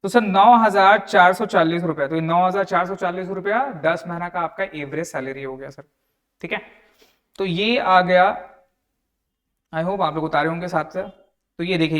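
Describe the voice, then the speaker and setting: A young man teaches an online class, and his voice sits a little high. He talks conversationally, repeating each figure and calling his students "sir" as he walks through the working. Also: normal speed, fairly bright tone. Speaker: tax tutor.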